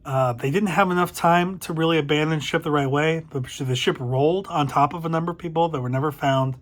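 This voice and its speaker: A man's voice: on the high side, brisk. A middle-aged man hosting a casual spoken book review, thoughtful and a little hesitant, correcting himself as he goes. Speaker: book reviewer, channel host.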